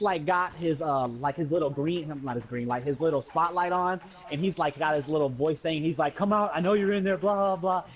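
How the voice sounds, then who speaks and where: The voice is on the high side with a little hiss or hum behind it: a young American guy spinning a slangy story for his friends and performing each line of dialogue. The lo-fi recording sounds dull.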